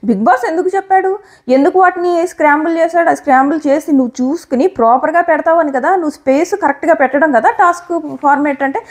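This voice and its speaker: A woman giving an opinionated, animated review of a reality show episode. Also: sits high, fast. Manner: animated, opinionated retelling with quoted lines. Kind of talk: casual commentary.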